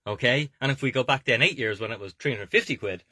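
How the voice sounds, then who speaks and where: This Irish video host talks fast in a medium-pitched, sharp, husky voice with no echo. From his camper van he gives casual, motivational investment tips, stressing points and asking "okay?" to make sure viewers are keeping up.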